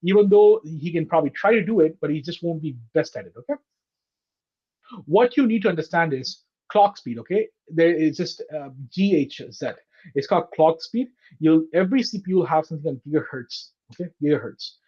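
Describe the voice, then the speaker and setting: A computer course instructor teaches a live online class over a video call, explaining step by step and repeatedly checking in with "okay?" and "right?". His fairly high, husky voice is expressive, warm and a little fast. The audio from his laptop or headset mic sounds muffled, as heard over a video call.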